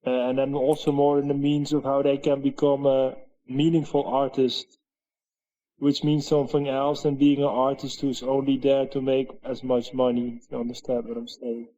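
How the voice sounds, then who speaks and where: A man's voice: medium pitch, level tone, normal speed, mellow, highs cut off. A Dutch-speaking man talking in English with a Dutch accent on a casual video call, hesitant and full of fillers. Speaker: music coach in training. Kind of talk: casual chat.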